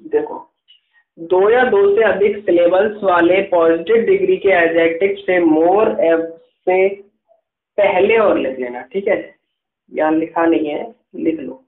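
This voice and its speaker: High-voiced male teacher, echoey tinny sound. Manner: patient, repeats "ठीक है" and dictates slowly. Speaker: English teacher. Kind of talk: classroom grammar lesson dictating notes. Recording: echoey room over tinny phone-like line.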